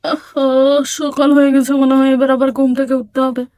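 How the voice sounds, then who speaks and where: A woman voicing a tired, reassuring poor village father, speaking calmly in a doll story drama. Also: high voice, normal speed, dry recording, natural voice. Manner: calm, comforting.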